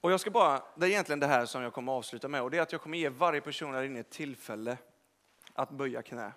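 With a medium-pitched, slightly bright voice, a young man preaches informally in a church service hall. His sermon is casual and rambling, aimed straight at the congregation, and he corrects himself as he goes.

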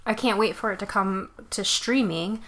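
A woman's voice: mid-range voice, moderate pace, fairly bright tone. Dry, terse woman as podcast guest. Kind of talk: casual podcast chat.

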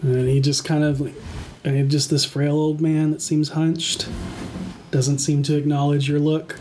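A game master narrating a tabletop game in measured phrases with dramatic pauses. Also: medium pitch, little pitch movement, a little mellow, slight background noise.

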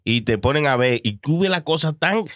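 A man's voice: on the high side, animated, moderate pace, a bit bright, no echo, studio quality. A man with a Dominican accent chatting casually with friends, giving slangy advice sprinkled with English words. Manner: slangy, advising, with some English words mixed in. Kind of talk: casual banter among friends.

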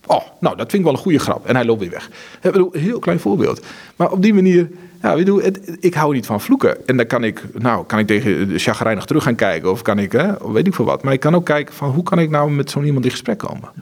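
A man with a husky, slightly rough voice speaks at a middle pitch. He tells earnest, faith-driven stories in an interview, often restarting his sentences. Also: lively intonation, fast. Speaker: charity director. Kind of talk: conversational interview.

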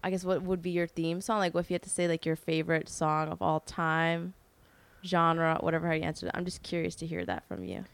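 Smooth, low-pitched young woman, dry sound. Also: fairly quick, no room sound. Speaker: podcast co-host. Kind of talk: casual chat.

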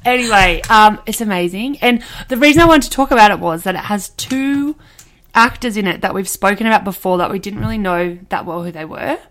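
A young adult woman co-hosting a podcast in casual chat, gushing about what she loves and quick to laugh. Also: medium pitch, expressive, a bit bright. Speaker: podcast co-host.

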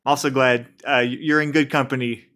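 A man's voice: medium pitch, little pitch movement, brisk, fairly bright tone. A man hosting a podcast, chatting casually and reading episode credits with little stumbles and frequent laughs. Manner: laughs often, reads credits with small stumbles. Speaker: podcast host.

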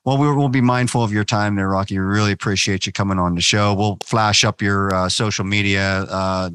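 A man from the Pittsburgh area hosts a casual interview show. His voice sits fairly low and sounds dry and close, with no room around it. He rambles pleasantly, full of uhs, and laughs easily along with his guest. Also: fairly even intonation, brisk, a bit bright, smooth, no room sound. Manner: chatty, lots of fillers, laughs easily.

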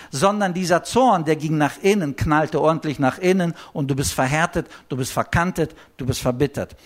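Male preacher, high voice, chatty sermon delivery, phrase endings fall to a murmur.

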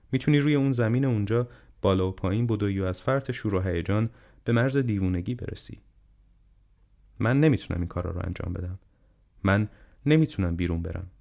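A man voicing a gentle, wise, ailing old male professor in an audiobook, speaking calmly and reflectively. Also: on the low side, gravelly. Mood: earnest. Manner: calm, reflective, unhurried counsel. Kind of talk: audiobook character reading.

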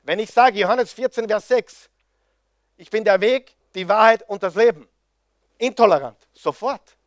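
Male preacher, high voice, dry sound, fervent rhetorical questions. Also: moderate pace, dry recording. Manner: impassioned, with rhetorical questions to the audience. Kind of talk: sermon.

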